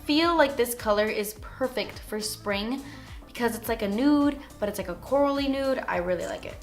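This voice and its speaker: A woman's voice: a little high, moderate pace. A young woman vlogging a makeup tutorial in a casual, chatty way. She keeps dropping "like" between phrases as she explains each step. Faint music plays in the background. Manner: chatty, frequent "like" fillers. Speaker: beauty vlogger.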